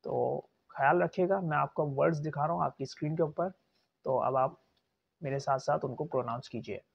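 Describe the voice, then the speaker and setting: A young man gives a relaxed pronunciation lesson, saying each word slowly and more than once. His voice sits a bit high and has a gravelly, creaky edge. The recording sounds dull and lo-fi. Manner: patient, repeats words slowly, chatty asides. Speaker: English pronunciation teacher. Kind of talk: casual spoken lecture.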